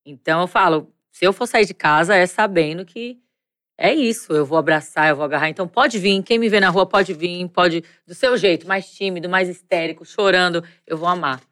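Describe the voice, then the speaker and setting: A woman with a lowish voice talks about her fans as a guest in a casual interview. She is warm and effusive and laughs easily. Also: brisk. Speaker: singer guest.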